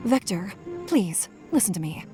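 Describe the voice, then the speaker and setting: A woman voicing a gentle, encouraging, motherly rabbit in a cartoon audio drama. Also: mid-range voice, lively intonation, measured pace, lightly acted. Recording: music behind the voice.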